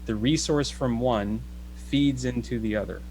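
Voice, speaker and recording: A man speaks over a video call at an ordinary male pitch, reasoning his way through a point. He restarts phrases and keeps checking in with his listener, while a faint hum runs beneath his voice. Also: a little slow, darkish tone, low-quality recording. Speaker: guest.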